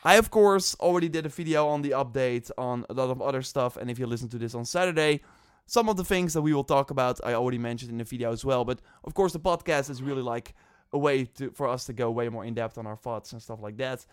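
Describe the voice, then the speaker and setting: A man's voice: medium pitch, quick pace, smooth, no echo, studio quality. A man from the Netherlands hosting a podcast, talking casually with lots of fillers and restarts. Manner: chatty, loose, many fillers and restarts. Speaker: podcast host.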